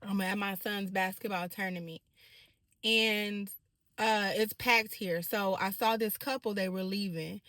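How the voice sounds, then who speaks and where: A woman in her thirties telling viewers a personal story in a casual, animated way, talking straight to her audience. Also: medium pitch, no room sound, clean studio sound. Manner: animated, direct address to the audience.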